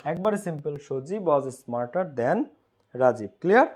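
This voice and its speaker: Male tutor, slightly high voice, online lesson, repeats and checks "okay?". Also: expressive, darkish tone. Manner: keeps checking in with "okay?", repeats words slowly. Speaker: English grammar teacher. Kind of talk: online class lecture.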